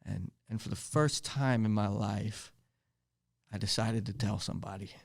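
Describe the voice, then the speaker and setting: A man's voice: fairly low pitch, moderate pace, vocal fry. A man from Philadelphia, an evangelist guest on a podcast, earnestly telling his personal testimony in casual conversation. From Philadelphia, USA. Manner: earnest storyteller who acts out the voices in his quotes.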